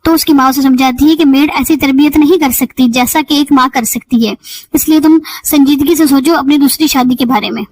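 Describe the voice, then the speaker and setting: A woman with a high voice retells a drama's plot in easy, everyday speech. She moves from scene to scene in a plain storytelling tone and now and then stumbles and restarts a word. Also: fairly even intonation, a little mellow, no room sound, poor audio. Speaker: drama recap narrator. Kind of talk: casual spoken plot recap.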